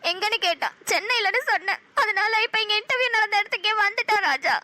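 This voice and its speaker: Cartoon: a frightened young woman, Namakkal Tamil accent, very high and bright. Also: fast talker, no echo. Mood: tearful. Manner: tearful, pleading.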